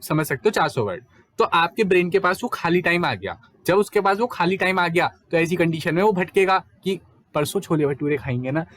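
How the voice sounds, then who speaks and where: A man's voice: on the high side, fairly bright tone. A young man giving a casual exam-prep lecture, mixing Hindi with English terms and asking rhetorical questions as he teaches.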